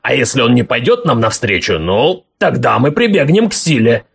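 Thuggish male shadow, low husky rasp, blunt slang, man performing. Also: very animated, normal speed, heavily acted. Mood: swaggering menace. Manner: blunt slangy street talk. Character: living shadow, coarse bullying male sidekick.

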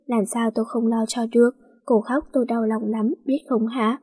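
A woman's voice: on the high side, level tone, normal speed, breathy edge, no echo. A woman voicing a young man who teases and then earnestly confesses his love. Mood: coaxing. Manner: gentle coaxing, earnest confession. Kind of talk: storybook reading.

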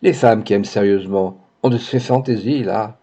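A man's voice: fairly low pitch, moderate pace, dark tone. A man voicing a brash scheming older matron. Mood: mocking. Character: brash aging woman, bold scheming matron. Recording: dull lo-fi recording.

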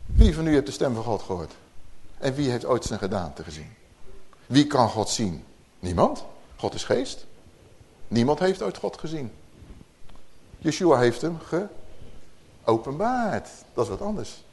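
A man's voice: medium pitch, very animated, unhurried, pauses often, darkish tone. A man preaching a sermon in a conversational teaching manner, asking the listeners rhetorical questions.

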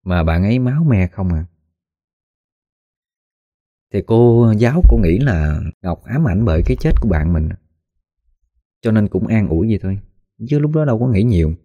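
A man narrating a spooky story in a folksy, animated way, acting out the voices of the people in it. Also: lowish voice, moderate pace, pauses often, no echo, highs cut off. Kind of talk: spoken ghost story narration.

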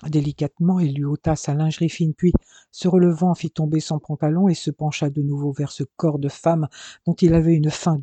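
A man narrates a romance audiobook in a dark, mellow voice that sits a little high for a man. His delivery is flat and unhurried, and the recording is dry and close with no room sound. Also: no echo. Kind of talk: scripted narration.

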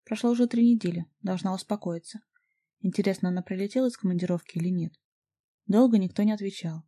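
A woman reading a first-person novel aloud as an audiobook, in an even storytelling manner. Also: medium pitch, quick pace. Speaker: audiobook narrator.

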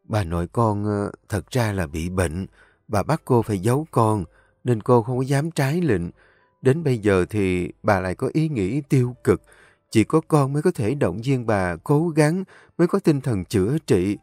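A man's voice: lowish voice, lively intonation, moderate pace, a little mellow, no room sound, clean studio sound, lightly acted. A man voicing a determined, tender young woman from the countryside, talking in an emotional, pleading way. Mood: gentle.

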